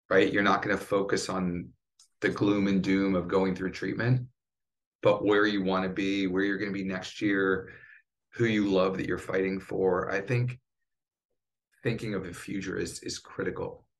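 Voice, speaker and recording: Casting note: middle-aged male survivor, very low voice, earnest and emotional, driven tone. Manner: earnest, choked up at times. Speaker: cancer survivor and patient advocate. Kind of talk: emotional podcast interview.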